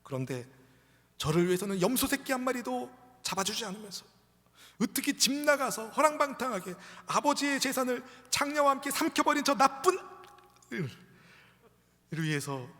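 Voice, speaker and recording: A man voicing a resentful young elder son who protests loudly in a high, accusing voice. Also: expressive, fairly quick. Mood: furious. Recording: echoey church hall.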